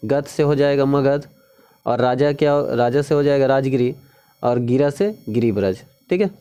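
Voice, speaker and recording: A man's voice: mid-range voice, dark tone, smooth. A man teaching a casual exam-prep lesson, repeating key words and often checking in with the viewer. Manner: repetitive, keeps asking "ठीक है?"; drawn-out sing-song pronunciation drills.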